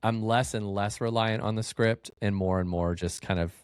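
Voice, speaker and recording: A man's voice: fairly low pitch, steady tone, normal speed, clear, resonant tone, dry recording, clean studio sound. A man, a real estate agent hosting a podcast, talking loosely with lots of fillers and easy laughs. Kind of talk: casual podcast conversation.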